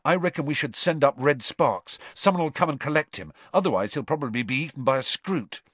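A man's voice: on the high side, lively intonation, fairly quick, fairly bright tone, breathy edge, no echo. Man playing a teenage boy wizard hero, determined, blunt, urgent, dry close storybook sound.

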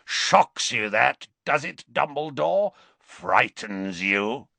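A man voicing a menacing male werewolf with a rasping, barking voice. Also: medium pitch, sing-song, slow, pushed and bright, dry recording, pitched above the performer's own voice, heavily acted. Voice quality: rasping bark.

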